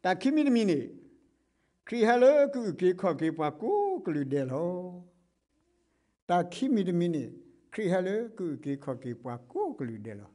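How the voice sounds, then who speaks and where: Standing on a church stage in front of a blue curtain, his mouth close to a stand mic, a middle-aged Karen-accented preacher gives a sermon at a measured pace. His voice sits fairly high for a man and swoops wildly in pitch, and he gestures passionately, shifting from loud, ringing exclamations to quiet, earnest speech.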